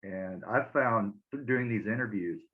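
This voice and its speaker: A man's voice: lowish voice, a little slow. A man hosting an interview, giving short agreeing replies and reflective remarks. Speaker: interview host. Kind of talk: casual interview. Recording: tinny phone-like line.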